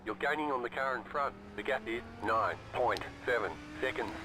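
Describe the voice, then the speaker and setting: A calm male race spotter barking terse pit radio calls at an even, middling pitch. Each call-out of times and gaps comes short and flat, over a clear wash of engine hum and noise from the game. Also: moderate pace. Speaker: race spotter voice in a racing sim.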